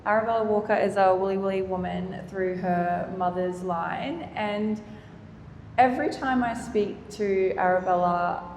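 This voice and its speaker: A woman's voice: medium pitch, a little slow, a little mellow. Australian woman, panel moderator, earnest and formal, roomy hall with long reverb, faint background noise. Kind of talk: public panel conversation. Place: gallery event space.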